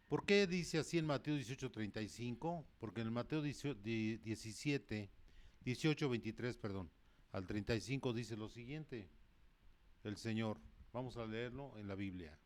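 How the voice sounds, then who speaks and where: A man's voice: fairly low pitch, moderate pace. A man preaching a sermon, reading Bible verses and explaining them in plain asides, often stopping to correct himself. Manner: reads scripture with rising emphasis and loudness.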